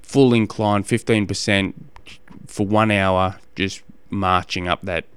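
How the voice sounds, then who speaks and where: Low-pitched and a bit bright, with a clean tone and fairly even intonation, an Australian man gives casual coaching advice as a podcast host. He's halting and often repeats phrases as he explains.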